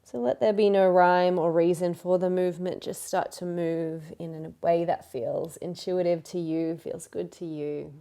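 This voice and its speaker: Gentle lower-voiced woman guiding yoga. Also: fairly even intonation, gravelly. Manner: gentle, encouraging, unhurried cueing of breath and movement. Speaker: yoga teacher. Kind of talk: guided yoga class instruction.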